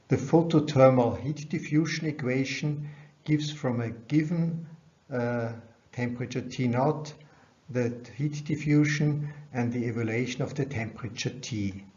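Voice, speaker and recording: A middle-aged man presents scientific research over slides at a conference, his delivery dull and unhurried. His mid-range voice is a little mellow, and the webcam audio is dull and band-limited.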